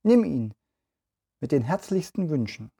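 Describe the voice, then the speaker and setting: A man's voice: a little high, very animated, unhurried, vocal fry, mellow, husky, full character voice. A man voicing a fussy, tidy old woman who scolds about dirt but means well. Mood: fussing kindly. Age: older.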